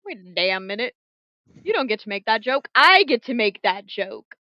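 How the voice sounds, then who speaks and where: A woman voicing a haughty, sharp-tongued noble hostess who teases her guests, on a dull lo-fi mic. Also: fairly high pitch, normal speed, dry recording. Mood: indignant. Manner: teasing, bossy, deadpan.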